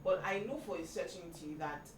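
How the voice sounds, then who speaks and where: Casting: reflective woman host, mid-pitched voice, recorded from a distance in a roomy, noisy space. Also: fairly quick. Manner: reflective, affirming, personal. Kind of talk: faith-based discussion. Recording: distant echoey room with background noise.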